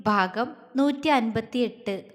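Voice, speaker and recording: A woman storyteller reading a scripted love-story serial in a steady, even way. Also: on the high side, slow pace, big-room sound.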